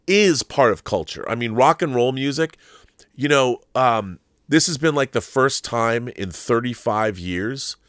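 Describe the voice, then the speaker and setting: A middle-aged man with a medium-pitched, slightly bright voice hosts a pop culture show, answering viewer questions in a casual, opinionated monologue. He rambles and repeats words for emphasis, and the studio-quality audio has no echo.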